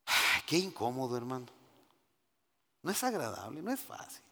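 A middle-aged man giving a sermon testimony. He goes from hushed, confiding talk to loud, emphatic preaching and keeps calling his listeners brother. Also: mid-range voice, very animated, moderate pace, creaky, in a large hall.

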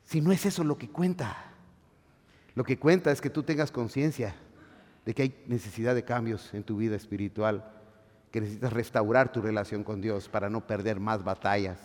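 A man preaching a sermon as pastor, swinging from shouting to hushed asides. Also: fairly low pitch, steady tone, normal speed. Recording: long hall reverb.

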